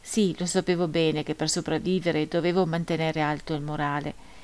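A woman reading a first-person memoir aloud in a measured, grave, solemn manner. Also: low-pitched, little pitch movement, a little mellow, clear, resonant tone. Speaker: audiobook reader.

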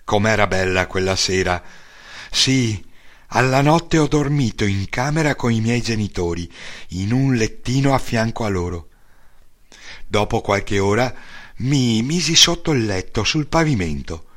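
A man from Veneto slowly retelling his own wartime memories in a measured, emotional way. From Veneto, northeastern Italy. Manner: slow, measured, emotional retelling with lively pitch. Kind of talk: personal memoir storytelling.

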